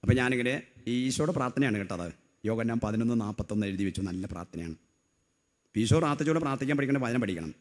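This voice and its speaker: A middle-aged man preaching a sermon. He tells stories in a low voice, then loudly calls on the congregation to repeat his words after him. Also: lively intonation, fast. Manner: rousing call-and-response, has the crowd repeat after him; swings from loud emphatic cries to low storytelling. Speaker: lay preacher.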